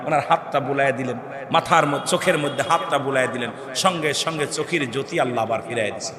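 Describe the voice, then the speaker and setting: A man preaching a sermon in the waz style, telling the story in chanting, shouting bursts and calling out to the crowd. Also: medium pitch, fast talker. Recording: echoey hall with a loud crowd, amplified.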